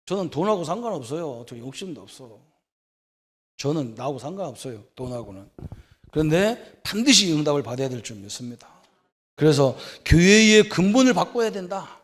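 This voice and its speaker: A middle-aged man preaching a sermon as pastor, in a conversational way, with rhetorical questions and frequent checks for agreement. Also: on the high side. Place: church sanctuary.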